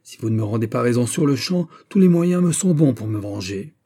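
A man plays a spiteful young nobleman who whispers poison into a friend's ear and sneers at his rivals. The voice is dark and husky, insinuating rather than loud. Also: lowish voice, moderate pace. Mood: exasperated. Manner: insinuating, mocking, then exasperated. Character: scheming spiteful young male courtier.

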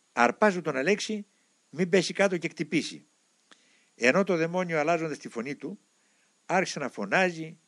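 Expressive man reading a memoir. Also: on the high side, dry recording. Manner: expressive, dramatic storytelling. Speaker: audiobook reader. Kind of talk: first-person spiritual memoir reading. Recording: dry close recording.

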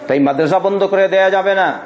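A man with a high-pitched voice delivering a sermon on Quran commentary. He chants Arabic verses slowly, then explains them and presses his listeners with rhetorical questions. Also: dull audio, a little hiss or hum. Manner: asks the audience rhetorical questions. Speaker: Quran teacher giving tafsir.

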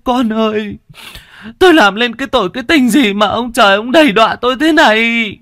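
Give me a man playing a distraught village mother, crying, pleading in a shrill voice. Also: fairly quick, fairly bright tone, dry recording, clean studio sound. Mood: wailing grief. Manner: high keening cries, pleading and lamenting. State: sobbing, wailing. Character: grieving middle-aged village mother, wailing.

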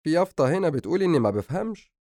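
Give me a man playing a joking, good-natured brother in an Egyptian audiobook. His voice sits a little raised and bounces around, and he talks fast. It is recorded dry and close. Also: fairly high pitch, no echo, voice pushed up. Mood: playful. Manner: lively, joking. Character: playful joking young man, warm brother.

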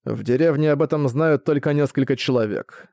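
A man's voice: mid-range voice, a little fast, vocal fry, dark tone, no room sound, clean studio sound, close to an everyday voice. A man voicing a restrained, perceptive eleven-year-old ninja boy who answers briefly.

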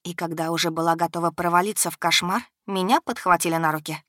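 A woman's voice: on the low side, fairly even intonation, quick pace, a bit bright, no room sound, clean studio sound. A woman reading a first-person audiobook in a dramatic, tense storytelling manner. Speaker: audiobook reader.

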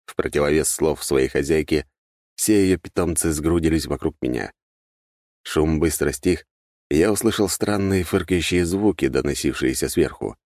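A man narrating a fantasy audiobook in the first person, steady and measured. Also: very deep voice, dry recording, clean studio sound.

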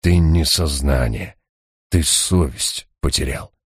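A man voicing a grim senior detective who speaks quietly, slowly and bitterly. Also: extremely low pitch, fairly even intonation, dry recording, clean studio sound.

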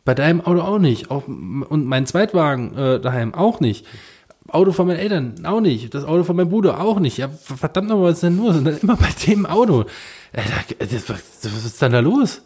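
A man's voice: a little high, a little fast, breathy edge. Rambling man telling a story. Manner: animated storytelling, many fillers and restarts. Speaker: podcast co-host. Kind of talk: casual chat.

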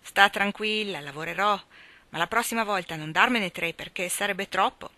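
A woman's voice: medium pitch, moderate pace, pushed and bright, no echo. A woman reading aloud, voicing a kindly, hardworking farmer father in a hearty, emphatic manner.

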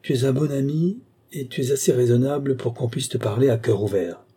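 A man voicing a gentle, teasing young village woman, lifting his voice slightly for her lines. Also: medium pitch, a little fast, husky, close to an everyday voice.

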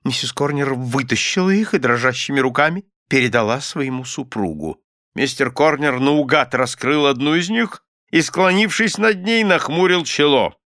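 A man reading a humorous story aloud as an audiobook narrator, with expressive delivery. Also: medium pitch, moderate pace, no echo, studio quality.

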